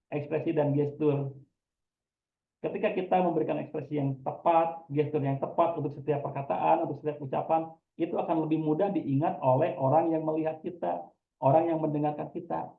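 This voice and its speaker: A man lectures a class on public speaking, lively and direct, often pausing on a quick "ya" to check in with the room. His voice sits fairly high, and the sound is thin and phone-like, ringing around an echoey room. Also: vocal fry. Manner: animated, addresses audience directly with frequent "ya".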